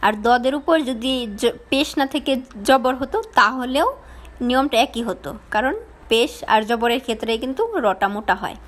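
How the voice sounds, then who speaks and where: A woman teaching Arabic letter pronunciation, explaining the rules step by step and slowly repeating each sound to demonstrate. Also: fairly high pitch, fairly bright tone. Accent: Bangladeshi Bengali.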